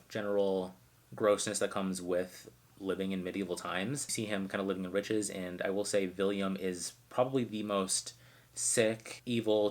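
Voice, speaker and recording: A man from Arizona reviewing books in a casual, chatty way, full of asides and "like". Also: deep voice. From Arizona, United States. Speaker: book reviewer.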